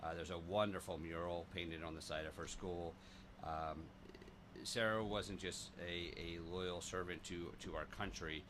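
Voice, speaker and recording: Deep-voiced man at a podium mic. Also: steady tone. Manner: halting, with many fillers and restarts. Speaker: ceremony emcee. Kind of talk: formal dedication remarks. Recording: noisy outdoor ambience.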